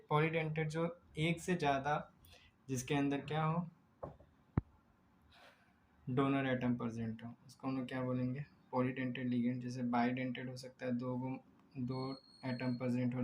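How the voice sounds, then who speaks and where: A man teaching a chemistry lesson. He explains step by step, asks himself rhetorical questions, draws chemical names out slowly and often corrects himself mid-word. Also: medium pitch, a little mellow, a little hiss or hum, poor audio. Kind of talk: recorded lecture.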